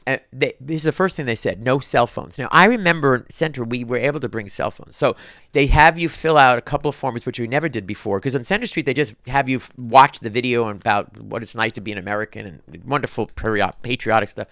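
A man hosting a podcast, telling stories in an animated, casual way with quick restarts and repeated words. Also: mid-range voice, dry recording, studio quality. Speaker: podcast host. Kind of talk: casual storytelling chat.

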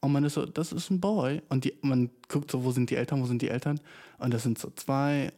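A young man hosts a podcast in a rambling, profane, slang-filled monologue that mixes in English words. He speaks a little fast in a mid-range voice with a dark tone.

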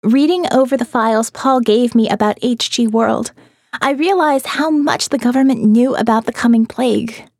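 Reading a diary written in the first person, this female audiobook narrator has a fairly high voice and an expressive, thoughtful, slightly wry manner. Her speed is normal, and the close, dry studio recording carries no echo or room ambience.

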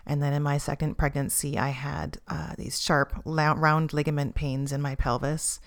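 A woman in her forties, a podcast guest, telling her personal story calmly and candidly. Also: sits low, normal speed, gravelly. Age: 40s.

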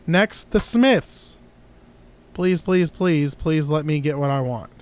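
Man, podcast co-host, casual chat, rambling, opinionated, slightly high voice. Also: lively intonation, slow pace, smooth. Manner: rambling, opinionated, lots of restarts.

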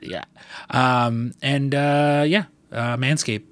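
A podcast host from the US Midwest talks slowly in a mid-range, slightly bright voice with a steady tone and no echo. Still a bit congested with the sniffles, he chats casually and loosely, swearing a lot and rambling with many fillers.

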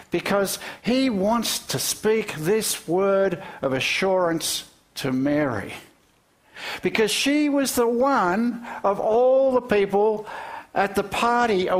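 Animated male preacher, fairly high voice. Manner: animated storytelling with rhetorical questions and chuckles. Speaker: pastor. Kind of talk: sermon.

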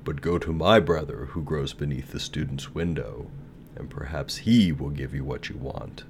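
A man voicing a solemn, grave talking rose tree in a storybook, speaking in a measured way. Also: very deep voice, a little hiss or hum, pitched below the performer's own voice.

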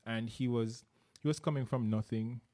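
In a casual interview, a middle-aged Jamaican man with a Jamaican accent speaks earnestly as the guest, often repeating words while he searches for the right ones. His voice is medium in pitch and dark, with a steady tone and a normal pace.

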